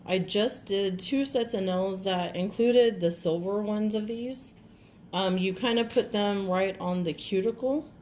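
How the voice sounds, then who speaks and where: Woman vlogger, slow and chatty, slightly rough from a cold, faint hiss behind her. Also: medium pitch, darkish tone. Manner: gushing, chatty, clears throat often. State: has a cold, voice a little rough. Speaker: nail vlogger. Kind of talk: casual unboxing chat. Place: home.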